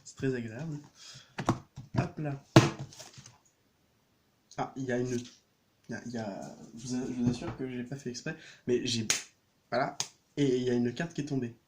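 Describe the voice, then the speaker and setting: A man doing a card reading, hesitant with many fillers and restarts, giving gentle, reassuring spiritual advice. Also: mid-range voice, moderate pace, long pauses, noisy background. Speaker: tarot card reader. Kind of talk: casual card-reading video.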